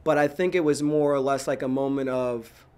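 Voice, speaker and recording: Chatty young chef, quick restarts. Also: male voice, medium pitch, clear, resonant tone. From New York, USA. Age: 30s. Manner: animated, talks fast with many "like"s and restarts. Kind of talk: casual interview answers.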